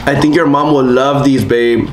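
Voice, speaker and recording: A man hosting an eating vlog, chatting casually and telling stories with lively quoted voices between bites. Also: mid-range voice, moderate pace, noisy background. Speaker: mukbang host.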